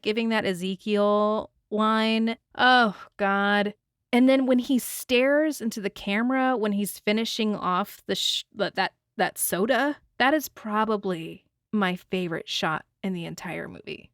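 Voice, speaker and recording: Animated swearing woman podcast host. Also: medium pitch, no room sound, studio quality. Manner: animated, swears freely, laughs often. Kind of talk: casual solo movie review.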